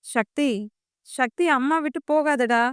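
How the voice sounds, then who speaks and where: A woman's voice: a little high, moderate pace, clean tone, dry recording, studio quality, natural voice. A woman voicing a tender middle-aged mother who pleads with her son. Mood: pleading.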